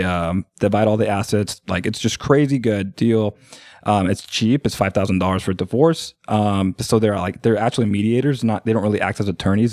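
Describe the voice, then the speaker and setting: A man from Oregon with a lowish voice chats casually as a podcast guest. He rambles and fills his talk with "like" and "right?". The studio sound is close and dry. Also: a little mellow, no echo. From Oregon, USA. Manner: rambling, filler-heavy talk with constant "like" and "right?". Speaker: guest, marketing agency owner.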